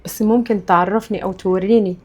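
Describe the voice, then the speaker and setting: An actress playing a calm female psychiatrist with an Egyptian accent, soothing and professional. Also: mid-range voice, fast, close to an everyday voice. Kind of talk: web drama acting.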